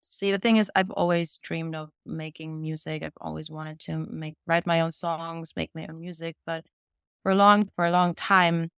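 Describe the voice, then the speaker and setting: A twenty-something singer-songwriter from Vienna, a native German speaker, answers a podcast host's questions with earnest candor as she relates her own story. Her deep voice is steady, clean and a bit bright, at normal speed. The sound is a dry, clean studio recording.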